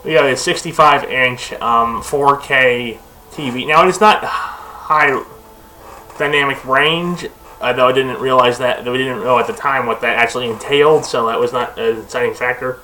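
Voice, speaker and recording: Rambling young man with a bright voice. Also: medium pitch, moderate pace, a little hiss or hum, low-quality recording. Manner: rambling, full of fillers, restarts and tangents. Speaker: video host. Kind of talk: casual rambling commentary.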